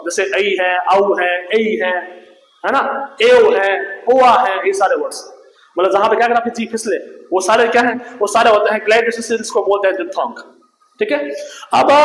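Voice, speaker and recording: Speaking Hindi in a very high, fairly bright voice, a man teaches English grammar, quizzing his class and answering himself while repeating the key terms. The room sounds echoey.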